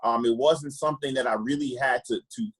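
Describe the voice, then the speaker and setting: A man's voice: mid-range voice, brisk, fairly bright tone, rough recording. A man from Trinidad, an optometrist, telling candid personal stories in an earnest way and often repeating words as he searches for them. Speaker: optometrist guest.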